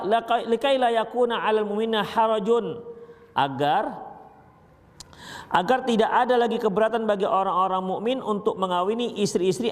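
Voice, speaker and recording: A male preacher with a Medan accent giving a religious lecture, telling stories with lively voiced dialogue between Arabic recitations. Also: high voice, in a large hall. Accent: Medan Indonesian. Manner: animated storytelling with Arabic recitation.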